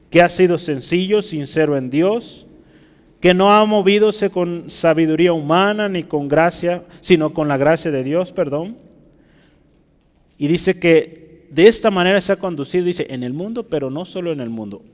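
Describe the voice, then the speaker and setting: A man preaching a teaching sermon, his voice set a little high and carried by a long hall reverb. He explains scripture patiently and keeps asking his listeners for agreement. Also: a little mellow. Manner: teaching, rhetorical questions, asks listeners for agreement; writes on a board while speaking.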